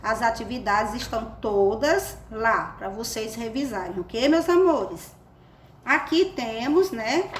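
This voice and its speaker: A woman's voice: on the high side, roomy sound, a little hiss or hum. A Brazilian woman who teaches reading to young children, giving a phonics lesson and speaking affectionately as she sounds out syllables one at a time. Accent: Brazilian Portuguese.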